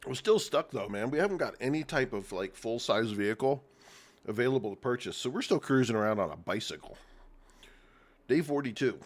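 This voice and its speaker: A man streaming a survival game, chatting casually with a blocked nose and eating between sentences, often clearing his throat. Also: medium pitch, lively intonation, fairly quick. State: stuffy nose, eating while talking. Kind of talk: casual gameplay commentary.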